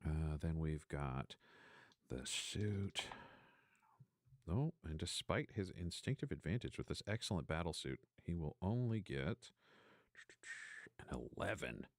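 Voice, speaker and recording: A man narrating as game master of a tabletop role-playing game, setting scenes slowly and chatting casually with players. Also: very deep voice, sing-song, no echo, clean studio sound. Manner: slow, deliberate scene narration with casual asides.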